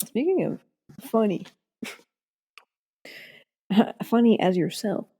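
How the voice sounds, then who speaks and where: Woman host, slow, gravelly, mellow, giggly, laid-back. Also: mid-range voice, big pitch swings. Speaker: podcast host. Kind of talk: casual podcast chat.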